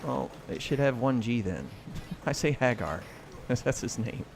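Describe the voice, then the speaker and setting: A man's voice: medium pitch, expressive, measured pace, faint music behind. An American man hosting a livestream, chatting casually and commenting while he plays. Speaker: livestream host and gamer. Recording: clear noise, game sounds behind. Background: video game sound and clacking arcade buttons.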